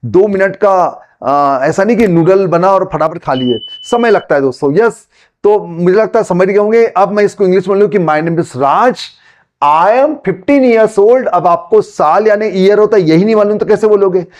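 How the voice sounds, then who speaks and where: This man from Gujarat, India, is a native Gujarati speaker whose voice sits high. He teaches spoken English in a relaxed, conversational manner, slowly repeating example sentences, and his Hindi carries a Gujarati accent.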